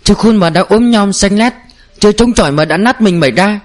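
Storybook part: a man playing a desperate peasant mother, high and wailing, louder than his narration. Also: a little fast, close to an everyday voice. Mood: defiant. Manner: wailing, high-pitched pleading. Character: distraught peasant mother, middle-aged, defiant.

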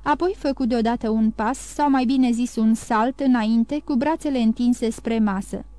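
A woman narrating a classic novel as an audiobook, reading in a measured, even way. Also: fairly high pitch, no room sound. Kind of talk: scripted narration.

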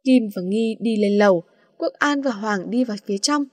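A woman narrates a story with lively expression. Her voice sits high, and the recording is dry and close. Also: normal speed, no room sound.

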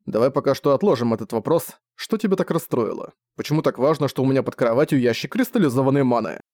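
A flustered young male student mage, voiced by a man, confused and trying to calm things down. His voice stays mid-pitched and natural. The sound is dry, with no room around it. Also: fast talker, no room sound, lightly acted. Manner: bewildered, then pleading.

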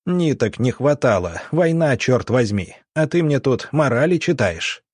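A man's voice: medium pitch, big pitch swings, measured pace, darkish tone, breathy edge, no room sound, clean studio sound. A man voicing a sleazy, scheming male military doctor who talks smugly and wheedles, then snarls when cornered. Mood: snarling.

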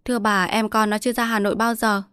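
A woman's voice: mid-range voice, flat delivery, fast talker, fairly bright tone, clean tone, no echo, studio quality, close to an everyday voice. A woman narrating as a timid male farmhand. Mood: deferential. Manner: polite, hesitant. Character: humble male tenant farmer, deferential.

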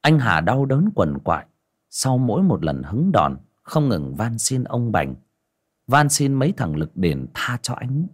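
A man narrating a dramatic story in an expressive storytelling manner. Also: medium pitch, unhurried, breathy edge.

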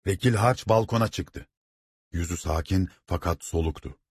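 A man reading a novel aloud as narrator, with steady, dramatic storytelling. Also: low-pitched, moderate pace, slightly rough, no room sound, clean studio sound.

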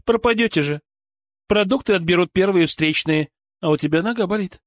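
A man reading an audiobook, voicing a worried wife who tries to calm her husband and warn a friend. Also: high-pitched, a little fast, no echo, pitched above the performer's own voice, natural voice. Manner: soothing, worried. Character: anxious caring wife trying to calm others.

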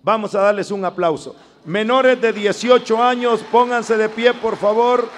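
A man's voice: sits high, fairly even intonation, measured pace, slight background noise. A man preaching a sermon to a congregation, emphatic and drawn out, calling on them to repeat after him.

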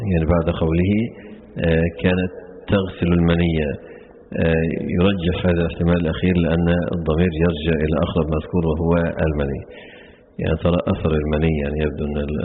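A very low, flat-voiced man gives a lesson on a classical religious text, moving quickly through his explanations and pausing on many "aah" fillers. His voice comes through a tinny, phone-like recording with faint hiss behind it. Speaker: Islamic scholar teaching hadith commentary.

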